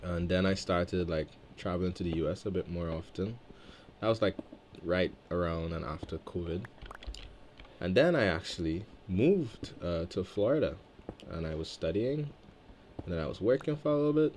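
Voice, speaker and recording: This let's-play gamer, a Trinidad and Tobago man in his twenties, has a deep, slightly mellow voice. He narrates his gameplay casually, rambling, thinking out loud, and drifting into chatty personal stories. A little hiss or hum sits in the audio.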